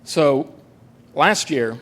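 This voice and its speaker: A man's voice: a little high, lively intonation, very slow, fairly bright tone. Wry man telling a story. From United States. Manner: wry, dry humor with frequent "uh" fillers. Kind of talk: live stage storytelling. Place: stage at a live story event.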